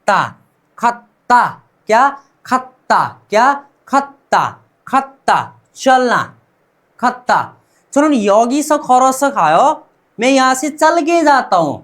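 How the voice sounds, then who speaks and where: A man's voice: very high voice, expressive, takes it slowly, fairly bright tone. A man teaching Korean pronunciation in a classroom-style lesson, asking "what?" and answering himself and repeating each sound several times.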